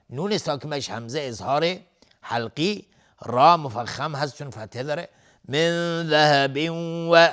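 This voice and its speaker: Male recitation teacher: sung verses alternating with quick plain-spoken explanations. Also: mid-range voice, a bit bright. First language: Arabic recitation; speaks Persian. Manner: alternates slow melodic chanting with brisk spoken rule explanations. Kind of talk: recitation and tajweed lesson.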